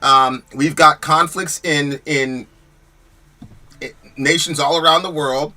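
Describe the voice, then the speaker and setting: Slow-paced and fairly even in intonation, the slightly high voice of this American man sounds pushed and bright. Hosting a podcast, he argues hotly about chat comments with rhetorical questions, and agitation leads him to repeat words and restart.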